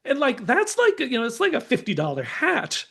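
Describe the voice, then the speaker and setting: A middle-aged man, a teacher, telling animated anecdotes as a podcast guest and acting out the people in them. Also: very high-pitched, normal speed, gravelly, breathy edge. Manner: animated, acts out voices in anecdotes. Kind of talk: casual storytelling.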